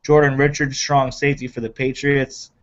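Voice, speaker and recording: A man's voice: mid-range voice, little pitch movement, normal speed. A man co-hosting a football draft podcast, chatting casually and running through the latest picks. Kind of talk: casual sports talk. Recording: dull lo-fi recording.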